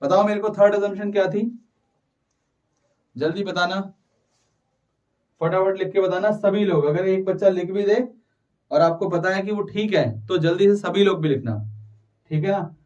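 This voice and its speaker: High-voiced man urging a live class. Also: darkish tone, far from the mic, lo-fi sound. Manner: urges students to answer quickly, mixing Hindi and English terms. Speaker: economics teacher. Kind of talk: live online class lecture.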